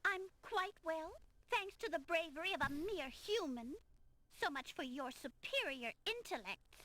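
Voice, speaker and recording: A woman's voice: extremely high pitch, animated, unhurried, sharp tone, full character voice. A woman playing a haughty, impatient young winged princess in a video game, with an imperious, dramatic delivery.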